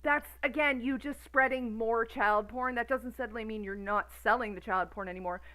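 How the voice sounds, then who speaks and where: A woman's voice: on the high side, normal speed, pushed and bright, rough recording. Sweary, sarcastic woman in her thirties. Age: 30s. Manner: profane, sarcastic, exasperated. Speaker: streamer. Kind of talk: casual ranting commentary.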